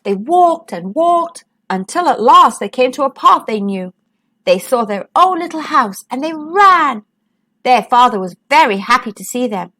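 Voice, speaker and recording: Woman storyteller reading a kids' picture book, bright pitch, very animated. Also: a little slow. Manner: expressive, sing-song storytelling. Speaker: children's storyteller.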